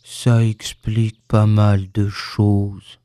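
A woman voicing a gloomy old grey male donkey in a storybook reading, speaking slowly in a low, sombre, sighing voice. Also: expressive, mellow, a little hiss or hum, full character voice.

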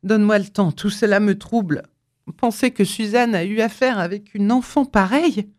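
A woman's voice: medium pitch, moderate pace, darkish tone, lightly acted. A woman reading the lines of a grave, weary grown son who answers hesitantly. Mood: troubled.

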